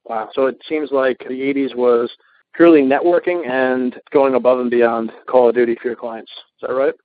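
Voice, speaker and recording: A man's voice: mid-range voice, steady tone, moderate pace, dry recording. A male host asks short, direct questions, with an ordinary mid-range voice. His voice comes through a narrow phone line. The sound is dry and close. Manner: brief prompts and questions. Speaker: interview host. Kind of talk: podcast interview.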